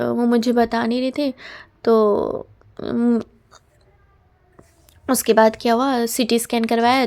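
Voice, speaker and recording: A woman from Uttarakhand earnestly sharing a devotional testimony, halting often with fillers. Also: on the high side, creaky, a little mellow. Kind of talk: devotional testimony, casual chat.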